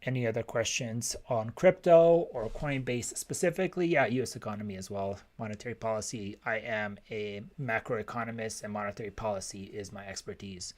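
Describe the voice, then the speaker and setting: This man's voice sits on the low side and sounds a little mellow, moving fairly quickly with few pauses and fairly even intonation. Hosting a livestream as a macroeconomist, he fields viewer questions with casual, blunt, opinionated financial talk, musing aloud in short bursts.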